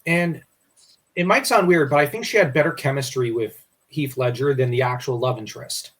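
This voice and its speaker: A man's voice: medium pitch, moderate pace, fairly bright tone. A man co-hosting a casual history discussion, rambling and restarting his sentences. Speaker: podcast co-host.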